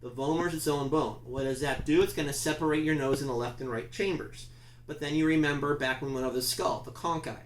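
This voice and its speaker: A man gives a classroom lecture, talking in a loose, emphatic way and tossing questions at his students. His voice sits a little high for a man. The room is echoey, with a faint hum underneath. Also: quick pace. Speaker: teacher.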